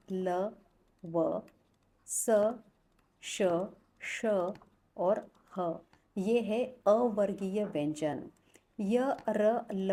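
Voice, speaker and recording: A woman teaches a Sanskrit lesson, sounding out each letter with care. She speaks very slowly, and her voice is warm and mellow. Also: mid-range voice. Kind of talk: explaining a lesson.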